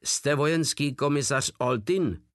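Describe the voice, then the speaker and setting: A man's voice: medium pitch, fairly bright tone, dry recording, studio quality, pitched above the performer's own voice, close to an everyday voice. A man voicing a tired, exasperated old male sergeant. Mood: weary.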